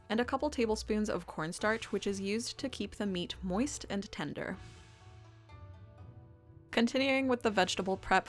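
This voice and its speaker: A woman in her twenties from Romania, giving a chatty, upbeat voice-over for her own cooking vlog. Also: on the low side. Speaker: vlogger.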